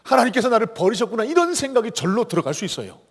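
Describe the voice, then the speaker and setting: A male pastor preaching a sermon with passion, moving between hushed whispers and loud, pleading appeals to the congregation. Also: extremely high pitch, big pitch swings, racing, big-room sound. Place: church sanctuary.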